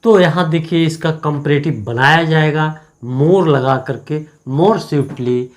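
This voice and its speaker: Slow, deliberate Hindi-accented teacher. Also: male voice, a little high. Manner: slow, deliberate, repeats words to drill them. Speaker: English teacher. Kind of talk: classroom grammar lesson.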